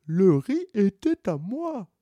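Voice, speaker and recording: Patient stubborn tortoise lady, a man voicing her, firm and steady, dry. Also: sits high, slow, dry recording, lo-fi sound, pitched above the performer's own voice, heavily acted.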